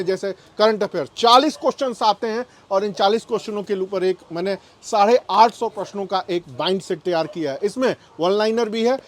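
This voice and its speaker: A man's voice: high voice, a little hiss or hum. A man, an exam coach giving emphatic advice to students and listing topics in short bursts.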